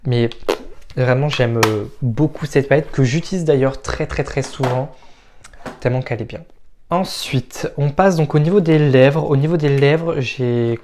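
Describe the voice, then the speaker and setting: Guy doing a chill makeup review vlog, blunt opinions, lots of um and uh, mid-pitch voice. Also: a little slow, darkish tone, a little hiss or hum. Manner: frank and opinionated, with frequent hesitant fillers. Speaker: makeup vlogger. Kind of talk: casual product review.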